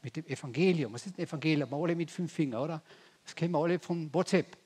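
Guy preaching, kinda husky, big echoey church hall. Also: fairly high pitch, quick pace, a little mellow. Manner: folksy, asks the congregation rhetorical questions. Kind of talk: sermon. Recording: long church reverb.

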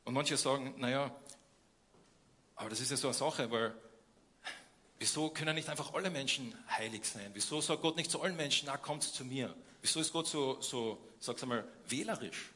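A young man preaching a sermon, swinging between loud questions and quiet emphasis, with frequent hesitations. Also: medium pitch, moderate pace.

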